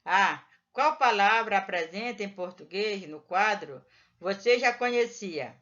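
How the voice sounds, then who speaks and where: A woman teacher guides young pupils through a workbook page by page. She speaks slowly and patiently, stretching out syllables so children can follow. The recording sounds muffled and low-fidelity. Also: animated, a bit bright. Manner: slow, patient, drawn-out syllables. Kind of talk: explaining a textbook lesson to children.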